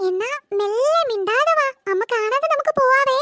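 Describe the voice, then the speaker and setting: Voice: expressive, moderate pace, exaggerated voice. A performer voicing a cheeky, greedy little girl in a cartoon, whiny and wheedling. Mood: scheming. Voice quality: very high-pitched. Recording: loud background hiss.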